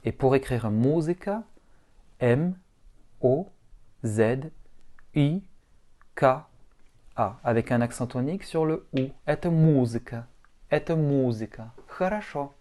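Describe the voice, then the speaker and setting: A man teaching a language lesson, spelling words out letter by letter in a deliberate, patient way. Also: mid-range voice, expressive, warm tone.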